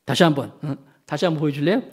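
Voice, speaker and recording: A man's voice: a little high, racing, breathy edge. A middle-aged man, a pastor, preaching a Sunday sermon, asking his congregation questions and acting out insults. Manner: animated, acts out insults and asks the congregation questions. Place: church sanctuary.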